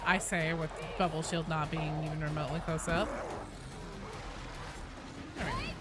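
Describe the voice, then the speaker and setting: A woman game streamer with a deep voice chats casually and discursively about the game she's livestreaming, swearing often. She talks at a normal speed over loud music.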